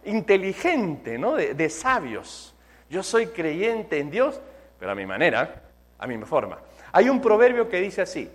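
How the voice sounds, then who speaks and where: Male pastor, sermon delivery, high voice, very animated pitch, emphatic. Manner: emphatic preaching, slows for key phrases.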